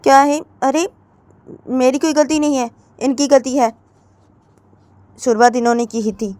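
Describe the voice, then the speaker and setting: A woman's voice: high voice, fairly even intonation, measured pace, dark tone, no room sound, pitched above the performer's own voice. A woman voicing a young wife who keeps protesting her innocence and blaming her partner in a raised voice. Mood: defensive, indignant. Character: young wife Radhika, defensive and quarrelsome.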